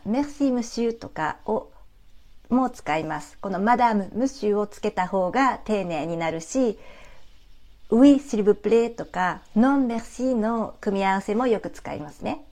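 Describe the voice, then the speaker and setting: Brief: Japanese woman in her own channel, casual explainer tone, chatty, mid pitch. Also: a little mellow. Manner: chatty, many "ano" fillers, explains with examples. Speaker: French language teacher for travelers.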